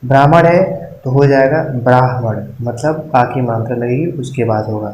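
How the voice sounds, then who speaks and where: A man explains spelling rules at an unhurried teacher's pace, sounding out words and checking that his listeners are following. His voice sits at a middle pitch. The recording carries a noticeable room echo and a light background hiss. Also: darkish tone. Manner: repeats words slowly and checks in with frequent "ठीक है". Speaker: Hindi exam-prep teacher. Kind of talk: casual classroom-style explanation. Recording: echoey room with faint noise.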